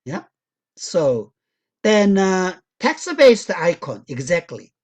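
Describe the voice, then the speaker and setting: Slow, deliberate woman lecturing over slides. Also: on the low side, very animated, darkish tone. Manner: slow, deliberate, non-native English with loose grammar; asks the audience frequent check questions. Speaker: guest lecturer. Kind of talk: academic lecture walking through slides.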